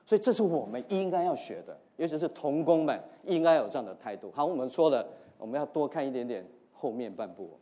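A man preaching a sermon as a pastor, swinging from loud emphasis to soft asides and dropping English words into his teaching. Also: mid-range voice, expressive, fast talker, hardly any pauses.

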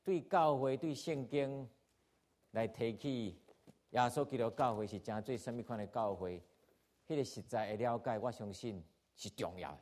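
A man's voice: medium pitch, normal speed, a little mellow. Earnest Taiwanese-accented preacher man. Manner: earnest, emphatic teaching with rising and falling emphasis. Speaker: pastor. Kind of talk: sermon with scripture reading.

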